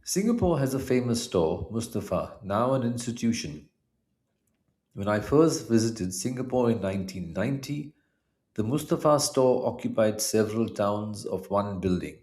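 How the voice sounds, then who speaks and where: A middle-aged Indian man whose mother tongue is Punjabi reads a scripted personal essay in measured, formal phrasing. His Indian-accented voice sits lowish, with an expressive delivery and a darkish tone.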